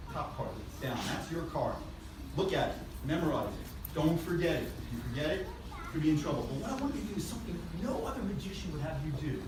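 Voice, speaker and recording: A man performing as a kids' party magician, playfully coaxing and instructing a young volunteer with show patter. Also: on the high side. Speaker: stage magician. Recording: very echoey, noisy room, distant mic.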